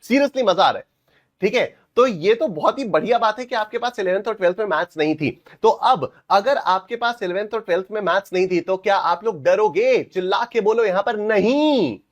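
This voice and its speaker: A young man teaching a live online class, energetic and playful, teasing students and mixing in English phrases. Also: high-pitched, a little fast, muffled recording. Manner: mixes Hindi and English.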